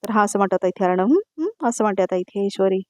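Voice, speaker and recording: Woman, TV serial recap voice-over, quick retelling, dry close sound. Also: mid-range voice, level tone, dry recording. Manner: fast retelling, often addressing viewers. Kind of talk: voice-over episode review.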